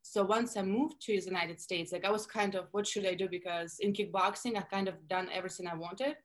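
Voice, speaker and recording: A woman in her thirties speaks English with a Russian accent. Her voice sits at a middle pitch, and she tells her stories in an animated, chatty way full of fillers and restarts. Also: fairly quick. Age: 30s. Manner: animated storytelling with many fillers. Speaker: guest. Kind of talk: casual interview chat.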